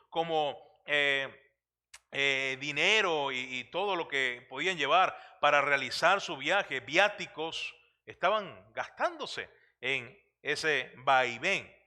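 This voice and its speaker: Male pastor preaching a sermon, fairly high and bright tone, lively questions, lots of hesitations. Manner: animated preaching with many fillers and questions to the congregation. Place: church.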